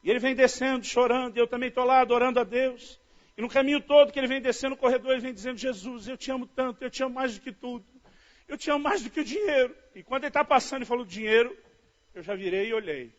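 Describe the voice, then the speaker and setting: A high-pitched man with a Brazilian Portuguese accent preaches in an animated storytelling style. He talks to his listeners warmly as "dear". The recording sounds dull and lo-fi. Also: fast. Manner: storytelling, animated, often says "querido". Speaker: pastor. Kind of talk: sermon. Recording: dull lo-fi audio.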